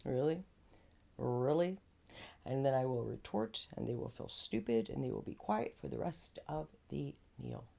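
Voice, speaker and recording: Gravelly, deep-voiced woman vlogging casually. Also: big pitch swings, moderate pace, hardly any pauses, mellow. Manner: rambling and slangy, says man and dude; chatty with frequent fillers and laughs. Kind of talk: casual self-help vlog talk.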